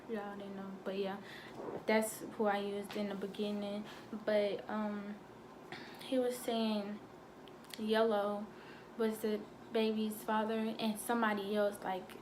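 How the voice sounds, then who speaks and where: Young woman, teary confessional vlog, flat tone, faint hiss behind. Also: on the high side. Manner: halting, many fillers and restarts. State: holding back tears. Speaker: vlogger. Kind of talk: emotional personal story.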